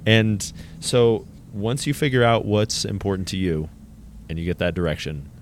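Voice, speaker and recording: A man's voice: lowish voice, fairly even intonation, normal speed, a little hiss or hum. A man co-hosting a personal finance podcast, chatting casually with jokes and rambling restarts. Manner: joking, self-deprecating, rambling with restarts. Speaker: podcast co-host. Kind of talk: casual chat.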